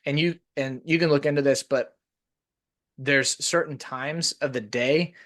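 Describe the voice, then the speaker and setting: In a casual podcast conversation, the male host rambles through long stories, using "like" as filler again and again. His voice is medium in pitch, steady, a bit bright, and a little slow.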